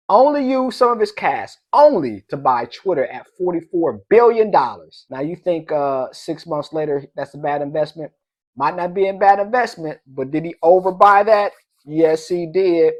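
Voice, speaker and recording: A young man talking straight to camera about markets, hyped and animated. His pitch leaps up and down constantly, full of slangy asides and little vocal sound effects. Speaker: finance vlogger. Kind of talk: casual energetic commentary.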